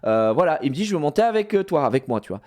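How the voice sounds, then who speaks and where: Male streamer in his thirties, loose slangy storyteller, lively voice that leaps up and down. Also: on the high side, racing. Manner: rambling, many fillers and restarts, slangy. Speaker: streamer recounting a theme park outing. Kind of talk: casual live-stream storytelling.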